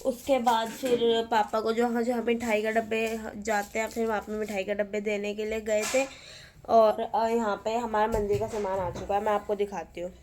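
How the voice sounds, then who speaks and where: A woman's voice: medium pitch, flat delivery, normal speed, a little mellow, a little hiss or hum. Chatty young woman vlogging at home. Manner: chatty, rambling storytelling, coos to a baby in between. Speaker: family vlogger. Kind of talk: casual family vlog chat. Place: family home.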